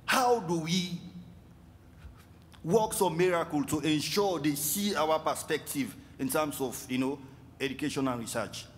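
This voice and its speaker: A man with a fairly high voice puts an earnest, pleading question to the panel. His voice carries the long reverb of a large hall, with a faint ambient hum behind it. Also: a little slow. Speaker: audience questioner. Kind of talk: audience question at a conference.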